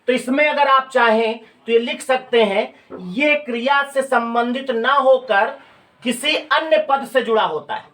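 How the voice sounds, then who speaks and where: दूर माइक से पढ़ाता हुआ शिक्षक. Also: male voice, very high-pitched, fairly bright tone. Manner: explains step by step, asks students questions. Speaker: teacher. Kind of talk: classroom grammar lecture. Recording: voice from a distance off the mic.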